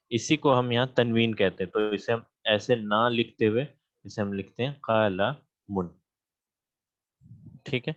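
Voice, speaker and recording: A low-voiced man teaches Arabic grammar online, screen sharing while he patiently repeats terminology and checks in with the class. The video-call computer mic gives dull audio with no room sound.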